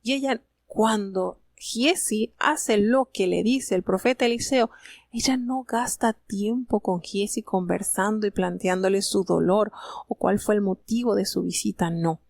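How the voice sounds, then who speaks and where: A woman's voice: mid-range voice, unhurried, vocal fry, a little mellow, dry recording, studio quality. A woman giving live Bible reading commentary, retelling the story and briefly speaking each character's lines, with explanatory asides and small hesitations.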